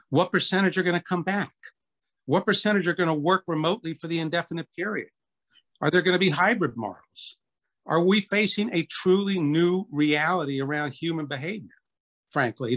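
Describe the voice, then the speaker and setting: A man's voice: fairly high pitch, a bit bright. An older man moderating a panel discussion over a video call, setting out an orderly string of questions. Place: home study with bookshelves.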